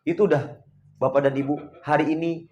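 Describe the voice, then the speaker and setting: Man, motivational coach, slightly high pitch, animated, loud then hushed, chuckling. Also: a little fast, muffled recording. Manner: chuckles often while telling stories. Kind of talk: motivational seminar talk.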